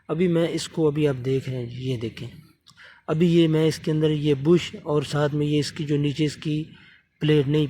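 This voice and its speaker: Man, workshop repair tutorial, talks while working, slightly high voice, mellow tone, faint hiss behind. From Pakistan. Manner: talks while working, often asking viewers to subscribe; repeats fillers and checks in with the viewer. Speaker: electronics repair technician.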